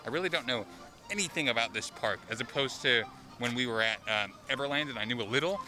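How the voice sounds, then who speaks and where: Loud park music fills the background as a travel vlog host strolls through an amusement park, chatting and cracking jokes. He has a medium-pitched voice and talks fast in casual narration.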